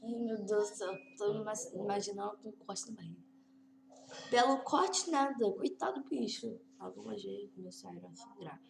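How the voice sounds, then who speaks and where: A woman's voice: mid-range voice, animated, fairly quick, creaky, few pauses. A woman doing let's play commentary, squeamish, exclaiming often and reading game prompts aloud. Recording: roomy echo.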